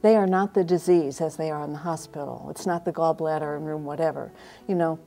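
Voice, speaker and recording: A woman hospice nurse reflects earnestly on her work. Her voice is mellow and a little low, thoughtful in delivery, with faint guitar music behind it. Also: fairly even intonation, a little fast. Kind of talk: personal reflection. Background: soft guitar music.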